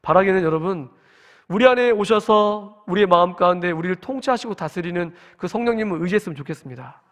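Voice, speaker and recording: A man's voice: high-pitched, expressive, quick pace, a bit bright. A man in his forties, a pastor, preaching a sermon in an earnest, conversational way and asking the congregation questions. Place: church sanctuary at early-morning service. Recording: long reverb in a church hall.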